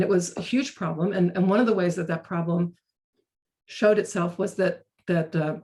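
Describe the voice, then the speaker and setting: A woman's voice: lowish voice, darkish tone. A woman in her sixties, a guest speaker telling a personal story in a webinar talk, earnest and full of restarts, over a video call. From North Carolina.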